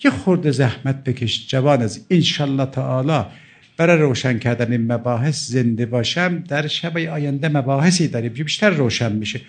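A middle-aged male cleric giving a religious sermon, emphatic and pleading as he quotes and explains Arabic texts. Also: medium pitch. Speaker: cleric preacher.

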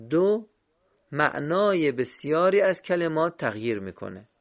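Gravelly man teaching recitation slowly. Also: medium pitch, muffled recording. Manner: slow, deliberate, drawing out vowels in examples. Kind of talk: instructional lesson.

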